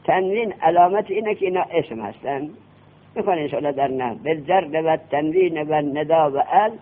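A man teaching a classroom grammar lesson, quizzing his students with quick questions. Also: on the high side, a little hiss or hum. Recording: tinny lo-fi classroom recording.

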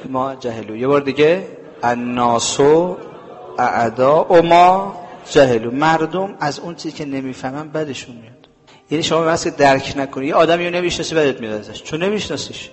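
Emphatic male preacher in a reverberant hall. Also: fairly high pitch. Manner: emphatic, with rhetorical questions he then answers. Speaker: religious preacher. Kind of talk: sermon to a live audience.

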